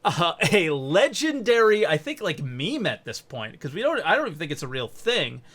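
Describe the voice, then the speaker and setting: A man's voice: a little high, huge pitch swings, a little fast, bright, forceful tone, breathy edge. A man hosting a casual gaming podcast, rambling and correcting himself as he explains background. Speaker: podcast host. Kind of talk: casual chat.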